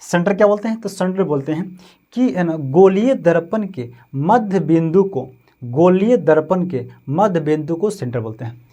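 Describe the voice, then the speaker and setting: A man's voice: on the high side, animated, normal speed, dark tone. A man with a Bihari Hindi accent teaching a physics lesson, repeating terms and asking questions that he answers himself. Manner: repetitive, checks with 'समझे?' and 'है ना'; asks questions then answers them himself.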